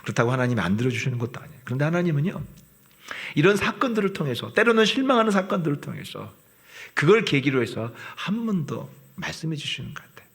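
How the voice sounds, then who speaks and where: 교회에서 설교하는 남자 목사로, 힘주어 강조하다가 속삭이듯 낮추며 표현력 있게 말한다. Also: male voice, on the high side, quick pace, vocal fry. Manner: expressive, swings from loud emphasis to soft whispered asides. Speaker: pastor. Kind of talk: sermon. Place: church.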